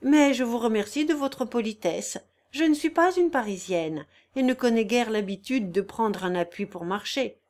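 A woman reading a gentle, dignified country girl. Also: on the high side, expressive, normal speed, hardly any pauses, natural voice.

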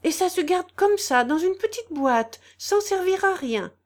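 A woman's voice: mid-range voice, expressive, takes it slowly. A woman voicing a simple, naive male carpenter who speaks up with wonder in a storybook reading.

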